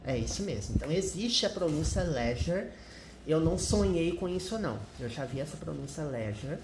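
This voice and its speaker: A woman's voice: sits low, expressive, normal speed, background noise. A woman, an English teacher patiently explaining a news article word by word. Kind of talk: commented reading of a news article. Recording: echoey room.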